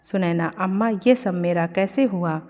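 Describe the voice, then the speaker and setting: Brief: a gentle, pleading young bride in a storybook, read by a woman, reverb on the voice. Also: on the low side, normal speed, lightly acted. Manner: pleading, frightened. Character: timid gentle young daughter-in-law. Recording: long reverb.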